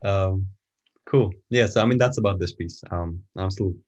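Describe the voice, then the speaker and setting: Deep-voiced man from Iran, hesitant. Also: moderate pace, a little mellow, muffled recording. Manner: hesitant, thinking aloud with many fillers. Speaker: artist guest. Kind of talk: casual podcast conversation.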